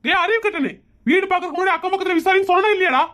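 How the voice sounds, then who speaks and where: A woman's voice: very high-pitched, racing. A woman voicing a short-tempered young man in a cartoon comedy, scolding his nosy neighbours. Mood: angry. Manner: scolding, shouting.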